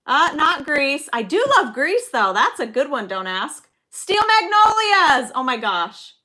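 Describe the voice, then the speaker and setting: A woman's voice: sits high, animated, unhurried, bright, forceful tone. A middle-aged woman hosting a casual livestream, chatty and enthusiastic, cheering viewers on by name. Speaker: livestream host. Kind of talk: casual live chat, reading movie quotes.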